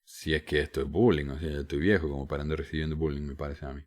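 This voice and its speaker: A man's voice: a bass voice, fairly even intonation, rapid-fire, a little mellow. A man with a Cordoban Argentine accent hosting a podcast, reading listener mail aloud and adding sarcastic, wry asides. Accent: Cordoban Argentine Spanish. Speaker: podcast host.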